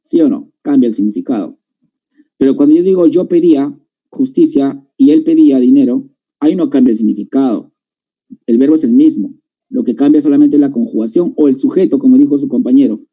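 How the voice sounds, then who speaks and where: A man's voice: mid-range voice, a little fast, warm tone, breathy edge, poor audio. A man teaching a grammar lesson to a class, explaining step by step and often checking that students follow.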